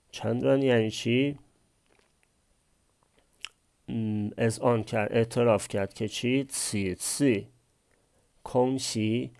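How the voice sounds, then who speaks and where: A man's voice: mid-range voice, creaky, darkish tone. A man teaching a language class, explaining a text phrase by phrase and posing questions he then answers himself. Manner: asks and answers his own questions.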